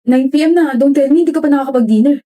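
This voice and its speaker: A woman's voice: sits high, racing, dark tone. A woman acting several roles in a short drama, switching between characters with emotional delivery. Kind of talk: acted Filipino short drama, multiple roles.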